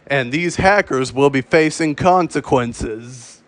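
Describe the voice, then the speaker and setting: With a mid-range voice captured in a dry recording, a man reads out a scripted practice emergency broadcast in the role of an official announcer. He stalls and repeats phrases along the way.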